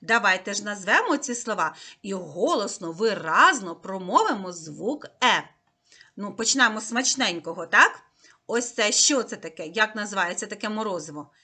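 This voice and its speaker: A woman teaching a lesson to small children in a slow, coaxing, sing-song way. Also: mid-range voice, animated, bright, forceful tone. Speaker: preschool teacher.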